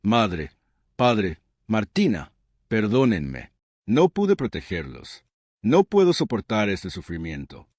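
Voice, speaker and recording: A man voicing a despairing young man's farewell words, slow, quiet and heavy. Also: fairly low pitch, sing-song, dry recording, clean studio sound, heavily acted.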